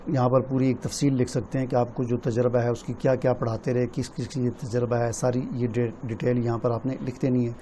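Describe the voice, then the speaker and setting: Male tutorial narrator, dark mellow voice, patient step-by-step delivery, faint noise behind. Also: medium pitch. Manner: explains step by step, often adds "theek hai?". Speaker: tutorial presenter. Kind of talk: screen-recorded walkthrough.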